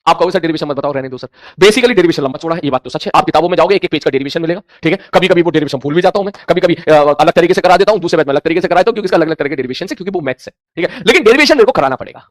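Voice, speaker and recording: With a voice that sits high and a little bright, the man teaches a physics class, combining Hindi and English terms while enacting students' questions as exchanges. The recording is dry and cleanly studio-made.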